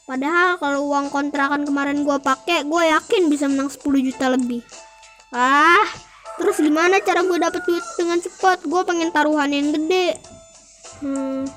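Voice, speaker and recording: Grumbly selfish gambler husband voiced by a young guy, high voice, game music faint behind. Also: a bit bright. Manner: brusque and grumbling.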